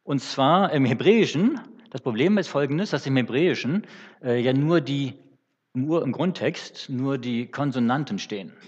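A man preaching an unscripted teaching sermon in a church hall, pausing often with fillers and restarts. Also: medium pitch, animated, slightly rough. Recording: dull sound with long church reverb.

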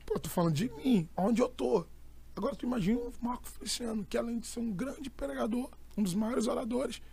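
Raspy high-voiced Brazilian preacher. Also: male voice, fairly quick. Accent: Brazilian Portuguese. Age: young adult. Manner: animated, emphatic storytelling. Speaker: itinerant preacher and pastor. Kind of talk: casual storytelling chat.

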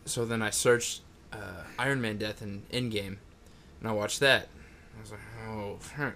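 A man's voice: lowish voice, fairly even intonation, moderate pace, bright, forceful tone, a little hiss or hum. A man in casual chat, telling a story in a laid-back, self-mocking way.

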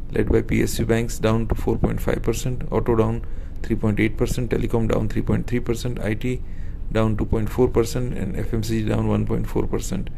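A man reading scripted financial market news in a formal, steady delivery. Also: lowish voice, gravelly, slight background noise, rough recording.

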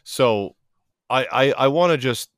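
A man's voice: mid-range voice, lively intonation, unhurried, dry recording, clean studio sound. A man hosting a casual trade talk show, asking questions with stammering restarts and jokey asides. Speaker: podcast host. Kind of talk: casual chat.

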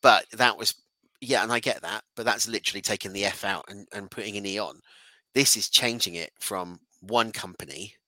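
Rough-feeling man, bright low-pitched voice. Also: moderate pace, no echo, low-quality recording. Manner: insistent, repeats phrases to press a point. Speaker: podcast co-host. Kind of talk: opinionated wrestling discussion.

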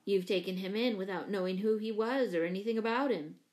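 A woman reading aloud, voicing a grateful middle-aged father in a lowered, subdued tone. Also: a little fast, darkish tone, close to an everyday voice.

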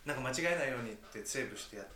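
A man's voice: medium pitch, expressive, very fast, sharp tone. A man, an actor guest, chats informally and thinks aloud with lots of fillers, in a middle register. His voice carries the echo of the room. A faint hiss runs underneath. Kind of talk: casual chat. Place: room in Paris.

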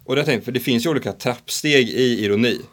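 Man, podcast co-host, rambling, mock-serious, playful. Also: mid-range voice. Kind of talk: casual chat.

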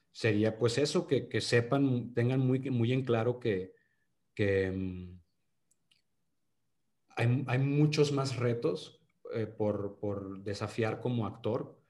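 A man in his thirties from Monterrey, Mexico, with a northern Mexican accent, chats as a podcast guest in a casual interview, restarting often and leaning on fillers. He moves from earnest to joking. His voice is mid-range and a little mellow.

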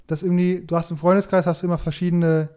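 A young man in casual podcast chat, animated and slangy, sometimes turning to speak to the listeners. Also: high-pitched, fast talker, clean tone. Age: young adult.

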